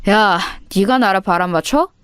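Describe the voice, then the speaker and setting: A woman's voice: medium pitch, normal speed, smooth, no echo, clean studio sound, lightly acted. A woman voicing a menacing teenage male school bully who talks in threats, in an audio story. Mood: menacing swagger. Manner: threatening, swaggering.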